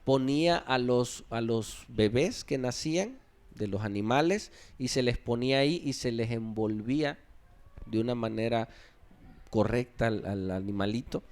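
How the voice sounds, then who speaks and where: A man's voice: mid-range voice, unhurried, darkish tone. A man with a Mexican accent preaching a sermon, asking the congregation questions and acting out little quotes as he goes. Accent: Mexican Spanish. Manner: conversational preaching with rhetorical questions and acted-out quotes. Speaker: pastor.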